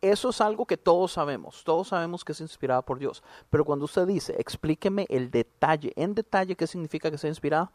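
A man's voice: on the high side, animated, brisk, few pauses, a little mellow, dry recording. A man co-hosting a casual podcast, opinionated and emphatic, dropping slang as he talks. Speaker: podcast co-host. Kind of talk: casual chat.

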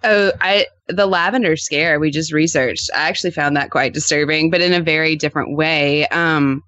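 A woman with a low-pitched voice speaks at a moderate pace on a muffled recording with no echo. She's from Louisiana, and her American accent slips into an East Texas-style Southern twang as she chats casually as a podcast guest. An animated storyteller, she tells anecdotes and acts out the quoted dialogue.

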